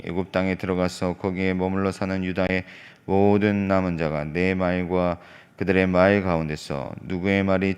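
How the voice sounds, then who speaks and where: A man reading scripture aloud in church, with a solemn, measured and even recitation. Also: low-pitched, clean tone. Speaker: scripture reader.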